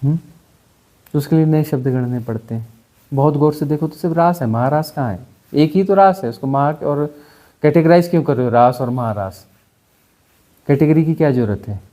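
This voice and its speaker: Man, spiritual teacher, high voice, warm dark tone, discourse, rhetorical questions. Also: moderate pace, pauses often. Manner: rhetorical questions, mocking imitation of moralizers.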